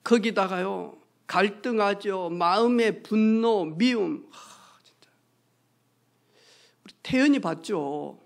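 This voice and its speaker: A pastor preaching a sermon, telling stories with acted-out quotes and hushed asides. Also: medium pitch, slow pace, vocal fry, few pauses. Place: church sanctuary.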